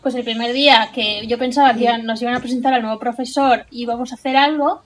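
A woman's voice: fairly high pitch, steady tone, quick pace, slight background noise. A young woman, co-hosting a podcast and telling a story with lots of animation and laughter. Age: young adult. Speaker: podcast co-host. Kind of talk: casual chat.

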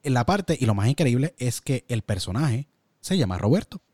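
A man hosting an interview, speaking in a calm, reflective way. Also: mid-range voice, moderate pace, no echo. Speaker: interviewer, radio host. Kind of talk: interview conversation.

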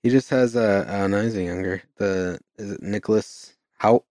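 A man co-hosting a podcast while a little high, talking in a laid-back, drifting way and swearing casually, recorded inside a small closet. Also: normal speed, a little mellow, no room sound, studio quality. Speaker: podcast co-host. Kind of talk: casual chat.

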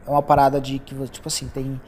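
Man, young adult, Brazilian accent, podcast host, loose rambling chat, medium pitch. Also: completely flat delivery, fast talker, a little mellow, slight background noise. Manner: rambling, loose and chatty, drifting between topics. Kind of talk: casual solo podcast chat.

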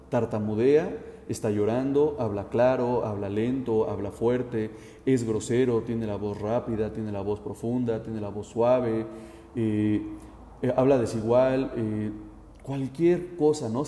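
A man teaches safety procedures in a direct, instructive way, speaking straight to the listener and filling pauses with 'eh'. His voice is warm and mellow. The room is roomy with a long, ringing reverb. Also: medium pitch. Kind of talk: instructional talk addressed to the listener.

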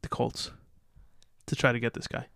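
On a laid-back sports podcast, this co-host calls out draft picks and follows each with freewheeling, opinionated commentary. He talks at a moderate pace in a slightly bright voice, and the dry audio has studio quality.

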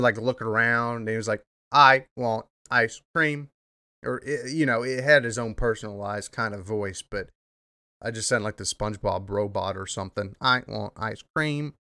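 A man's voice: mid-range voice, fairly bright tone, no room sound, clean studio sound. A young man hosting a podcast, talking casually in a rambling, profane way with lots of "um" fillers. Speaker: podcast host. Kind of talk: casual monologue.

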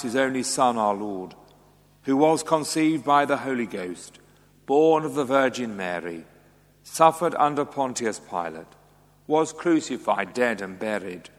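A man leading formal Anglican prayers in a solemn, measured way, with a cathedral echo around his voice. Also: mid-range voice. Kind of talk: liturgical prayer recitation. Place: large reverberant church. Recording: cathedral echo, long reverb.

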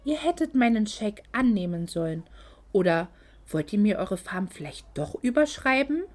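A woman's voice: mid-range voice, sing-song, moderate pace, darkish tone. A woman voicing a greedy, fake-sweet moneylender man who talks in a mock-polite, condescending way, in a storybook reading. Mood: oily.

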